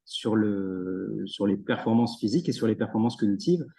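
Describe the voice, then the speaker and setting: A young man answering jury questions at his thesis defense, pausing often with fillers and restarts. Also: lowish voice, gravelly, warm tone, low-quality recording. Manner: hesitant, many fillers and restarts. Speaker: PhD candidate defending thesis. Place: university room in a Zoom recording.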